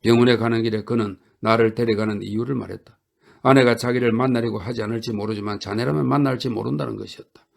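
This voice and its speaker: A man narrating an audiobook meant for falling asleep, reading in a calm, steady way. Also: medium pitch, fast talker, vocal fry.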